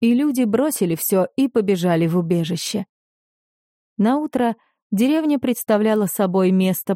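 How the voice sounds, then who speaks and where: A woman reads an audiobook aloud with a dark, mellow tone in a dry, close sound. Her pitch sits in an ordinary middle range. Her storytelling is expressive and rises for the characters' cries. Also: no room sound. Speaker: audiobook narrator. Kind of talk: scripted narration.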